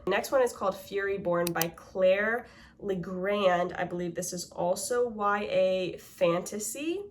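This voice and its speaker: A woman book vlogger in casual chat, talkative and quick to laugh, with lots of "like". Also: fairly low pitch, a little hiss or hum. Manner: chatty, laughs often, lots of "like".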